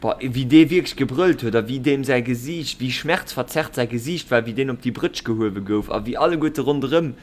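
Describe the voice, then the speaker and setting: Ein Mann mit luxemburgischem Akzent plaudert mit mittlerer Stimmlage über Fußball. Er spricht lebhaft und voller Ausrufe. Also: male voice, mid-range voice, fairly quick, hardly any pauses. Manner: expressive, exclamatory. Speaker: podcast co-host. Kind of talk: casual sports chat.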